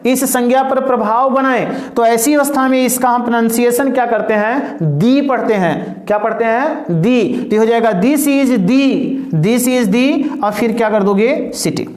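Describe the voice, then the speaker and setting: A male English teacher giving an online grammar lesson. He poses questions to his students and answers them himself, slows down to dictate example sentences, and calls his listeners dear and brother. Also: very high voice. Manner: slow and deliberate when dictating example sentences. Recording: echoey room.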